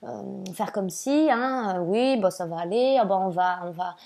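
A woman giving an oracle card reading to her followers in a relaxed, spoken manner. Her voice sits at a medium pitch. She pauses often, circles back over her words and fills gaps with hesitations, always gentle and reassuring. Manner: halting, with many fillers and repeated words. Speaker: spiritual guide and oracle card reader.

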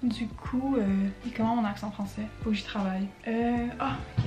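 A woman's voice: a little high, fairly even intonation, normal speed, dark tone. A young woman with a Quebec French accent chatting casually at home as she gets ready, dropping English slang and swear words. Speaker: beauty vlogger. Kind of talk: casual get-ready-with-me chat. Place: at home in front of a mirror. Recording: roomy echo, faint music.

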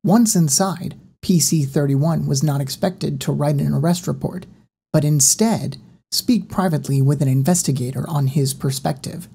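Woman narrator for a horror audiobook: low, husky, even and unhurried.

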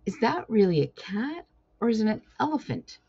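A woman's voice: on the low side, very animated, slow pace, creaky, mellow, breathy edge, no echo, dull audio, exaggerated voice. A woman voicing a prim, proper young female cat in a storybook reading, speaking with haughty disbelief. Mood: incredulous. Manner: incredulous, haughty.

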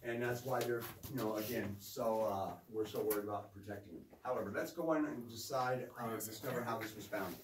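A man's voice: on the low side, a little fast, hardly any pauses. A man working as a tour guide, narrating informally to a group in a folksy storytelling way with courteous directions. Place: underground cavern with narrow passages. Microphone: visitor's handheld phone, several metres away. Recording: echoey cave, distant phone mic, faint noise.

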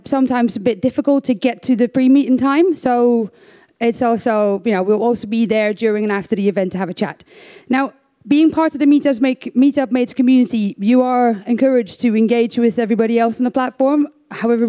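With a mellow voice on the high side, a young conference speaker from the Netherlands talks from the stage. Her delivery is casual and self-deprecating, sprinkled with fillers and restarts.

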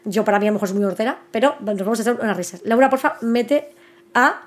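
Young woman chatting on a live stream, bit high voice, super excitable, keeps tripping over her words. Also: fast talker. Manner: chatty and excitable, with many restarts and repeated words. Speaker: host of a live book news stream. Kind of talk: casual live-stream chat.

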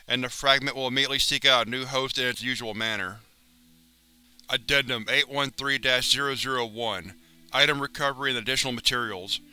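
A man narrates a wiki entry in a formal, clinical manner. His voice is very bright and crisp, with a smooth, clear tone. The delivery stays steady and even throughout. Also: medium pitch. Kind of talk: scripted reading of a wiki entry.

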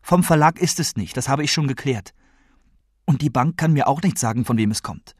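A man voicing a worried, insistent woman who keeps questioning a boy, with a raised, husky voice. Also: medium pitch, expressive, brisk, no echo, clean studio sound, voice pushed up. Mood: probing, upset. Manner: pleading, probing questions.

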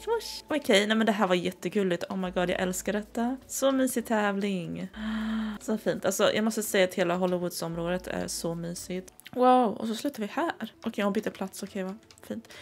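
A chatty young woman from southern Sweden talks through her gameplay, giggling often and gushing over what she sees. Her voice carries a gravelly, creaky texture at a middle pitch. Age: 20s. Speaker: gaming streamer. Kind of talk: casual gameplay commentary.

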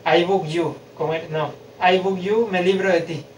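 A man giving excited commentary while playing a motion game at home, chanting repeated cheers and shouting, picked up by a camera mic at a distance. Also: high-pitched, normal speed, a little hiss or hum. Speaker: gamer filming himself. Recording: loud game music over voice.

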